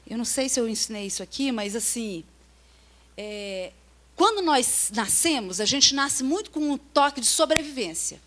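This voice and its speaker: Brazilian woman preacher, high-pitched, chatty delivery that checks in with listeners and acts out quoted voices. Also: fairly bright tone. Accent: Brazilian Portuguese. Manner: chatty, keeps checking in with the audience. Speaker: preacher at a workers' retreat. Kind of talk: conversational sermon.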